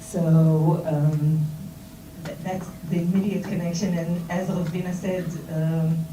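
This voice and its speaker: Her voice sits on the low side, flat, slow and dark-toned. A middle-aged Israeli woman speaking informally at a seminar for students, she has a Hebrew accent in her English and many fillers and restarts. The audio is roomy, distant and noisy.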